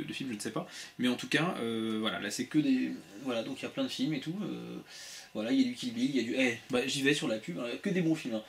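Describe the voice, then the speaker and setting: A man chats live over a laptop webcam, answering his viewers with quick, playful banter and frequent restarts. His voice sits at an ordinary middle pitch. A faint hiss of background noise runs under the talk. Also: creaky. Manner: quick, playful, many restarts, reads chat aloud. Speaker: livestream host. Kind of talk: casual live chat with viewers. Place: home room with shelves of CDs.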